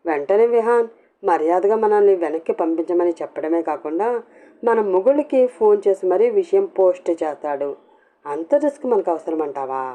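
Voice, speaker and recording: Woman, storyteller, serial story narration, mellow, expressive. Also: lowish voice, normal speed.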